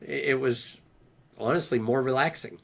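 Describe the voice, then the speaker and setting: A middle-aged man as an interview guest, recounting his experiences in an unhurried, reflective way with frequent ums and restarts. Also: medium pitch, gravelly. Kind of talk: personal storytelling in conversation.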